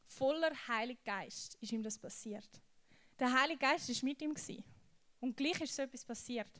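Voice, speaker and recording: Lively young woman preaching. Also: high-pitched, moderate pace. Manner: lively, slangy storytelling. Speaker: youth preacher. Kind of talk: casual youth sermon.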